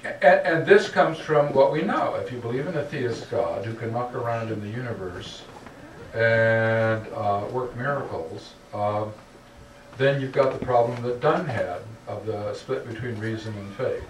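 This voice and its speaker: A man's voice: medium pitch, measured pace. A man speaking earnestly as a lecturer answering audience questions, often checking in with "okay?". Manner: earnest, repeatedly asks "okay?". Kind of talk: public talk Q&A. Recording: roomy hall sound picked up from a distance, faint noise.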